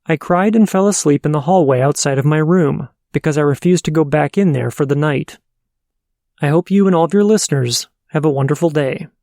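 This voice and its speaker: A man hosting a paranormal podcast, reading listener letters aloud in a steady, measured way. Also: on the high side, no echo, studio quality.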